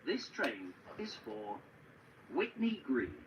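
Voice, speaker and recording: A man voicing an automated onboard train announcement, formal and measured. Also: medium pitch, huge pitch swings, distant mic, highs cut off, a little hiss or hum. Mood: announcing. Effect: onboard train announcement over a speaker.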